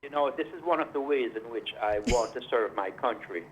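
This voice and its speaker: Over a hissy, lo-fi phone connection, a man from Jamaica who practices immigration and criminal defense law breaks down legal points step by step as a radio guest. His voice is mid-range and fairly quick.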